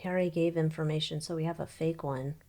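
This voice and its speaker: A woman giving an informal psychic tarot reading, thinking aloud in short, halting phrases and muttered questions. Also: low-pitched, fairly even intonation, warm tone.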